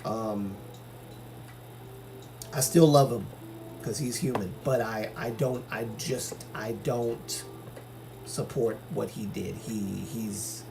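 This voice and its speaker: An Algerian livestreamer reads viewer comments and chats about his opinions casually, stumbling through restarts and fillers. He talks slowly in a lowish, creaky voice with long pauses, and music plays underneath.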